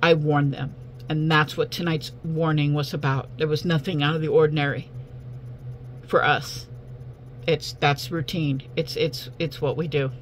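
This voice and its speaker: Hoarse woman with a failing voice. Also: sits low, level tone, unhurried, poor audio. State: hoarse, losing voice. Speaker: online video host. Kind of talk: casual address to viewers. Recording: faint background hum and noise.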